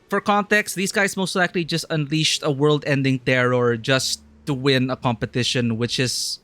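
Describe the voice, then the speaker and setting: A man with a medium-pitched, fairly bright voice chats casually while live-streaming a video game. He laughs a lot and now and then slips into mocking villain voices.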